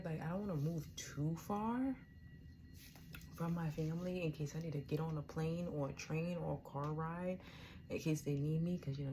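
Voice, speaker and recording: A woman's voice: deep voice, background noise. An American woman chatting casually and colloquially to viewers between bites as she eats for a mukbang. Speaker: mukbang host. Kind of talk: casual mukbang chitchat while eating.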